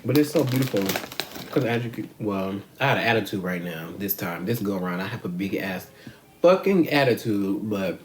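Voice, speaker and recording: A man's voice: lowish voice, animated, moderate pace, soft background music. A man from the United States talking to his camera, rambling, swearing freely and using slang while he eats and talks. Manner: rambling, profane, slangy and frank. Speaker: vlogger. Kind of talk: casual talk to camera. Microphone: camera mic.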